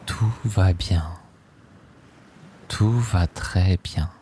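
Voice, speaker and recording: Man, low voice, extremely slow, soft hypnotic sleep guide, waves and surf behind. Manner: soft, drawn-out, repeating words hypnotically. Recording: steady ocean wave noise behind. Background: ocean waves.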